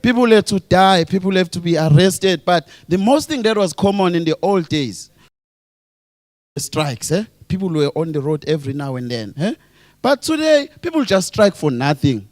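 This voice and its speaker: A South African man doing an animated stand-up comedy set, acting out scenes. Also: high voice, moderate pace, no room sound, clean studio sound. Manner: animated, chants and acts out scenes.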